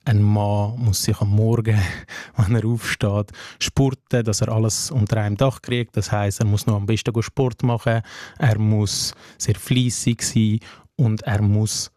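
Young man with a Swiss German accent. Interview guest. Earnest, measured, mellow tone. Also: fairly low pitch, flat delivery, no room sound, clean studio sound. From Afghanistan. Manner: earnest, measured, with many "hey" asides. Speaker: social worker, interview guest. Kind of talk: reflective interview talk.

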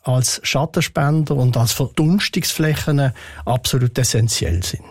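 An older man answers questions in a calm, measured way. He hesitates often as he thinks aloud, at an ordinary pitch for a man. The sound is close and dry, with no room echo. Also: slightly rough. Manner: measured, thoughtful, with frequent hesitations. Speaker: head of city tree and green space department, interviewee. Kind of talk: radio interview answers.

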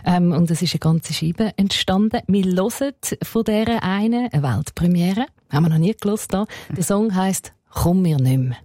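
A woman's voice: fairly low pitch, normal speed, hardly any pauses, warm tone, no room sound, clean studio sound. A woman with a Swiss German accent hosting a radio interview, asking conversational questions in dialect. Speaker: radio host.

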